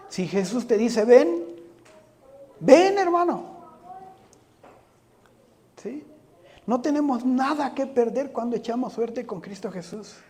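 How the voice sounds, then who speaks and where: A man's voice: very high-pitched, dark tone. A man preaching a sermon, speaking earnestly, often putting rhetorical questions to the congregation and addressing them directly.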